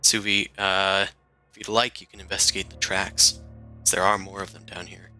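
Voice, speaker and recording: A man's voice: low voice, little pitch movement, moderate pace, bright, forceful tone, soft background music. A man narrating a tabletop role-playing game as game master in a casual, improvised, conversational way.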